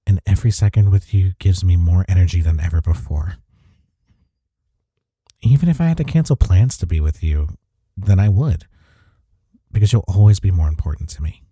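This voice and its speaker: Playing a tender, loving boyfriend in an intimate audio roleplay, a man soft-spokenly reassures a partner he cares for. His voice is low, husky and deeply mellow, captured close and dry with no room sound.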